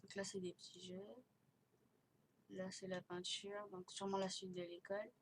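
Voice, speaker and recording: At normal speed and in a level, medium-pitched tone, a gaming channel host rambles hesitantly through a casual game tour. Dental elastics leave her speaking with a barely opened mouth and slurred S sounds, captured in a noisy home recording with clicking.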